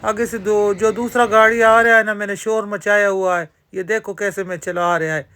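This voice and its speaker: A woman's voice: mid-range voice, steady tone, a bit bright. Chatty woman vlogger. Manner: chatty, talks straight to viewers, many religious phrases. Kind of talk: casual vlog narration. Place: outdoor amusement park.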